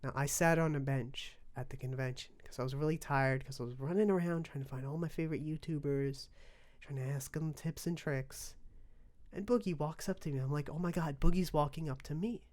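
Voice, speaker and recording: A man's voice: fairly high pitch, fairly quick, a little mellow. A young man co-hosting a casual podcast, telling a mock-serious story with lots of ums and restarts into a mic with a pop shield. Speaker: podcast co-host.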